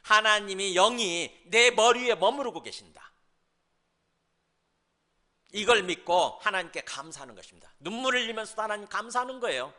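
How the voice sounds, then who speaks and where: A man's voice: high-pitched, expressive, moderate pace, sharp tone. A man preaching a sermon as senior pastor, asking the congregation questions and acting out the voices he quotes.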